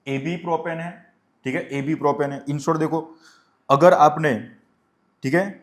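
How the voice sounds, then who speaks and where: A male chemistry teacher lecturing a class, who asks questions and answers them himself and dictates definitions slowly. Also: a little high, steady tone, reverberant.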